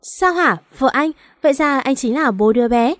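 A blunt but caring female office manager who scolds sternly in a storybook reading, as a woman puts her on. The voice is fairly high and sounds dry and close. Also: expressive, moderate pace, fairly bright tone, no echo.

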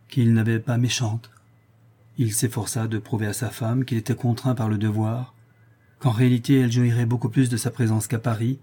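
A man narrating a classic novel as an audiobook, in a measured reading style. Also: mid-range voice, warm tone, breathy edge.

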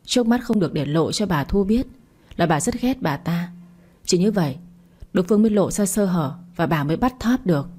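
A woman narrates a long family drama story in a steady, scripted reading. Her voice sits low and sounds mellow and warm rather than bright. She reads the characters' lines herself without taking on new voices. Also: brisk, slight background noise.

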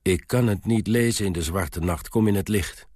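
A man voicing a gruff, lonely old male soldier who guards a city gate. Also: normal speed, darkish tone, dry recording, clean studio sound, lightly acted. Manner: gruff, booming.

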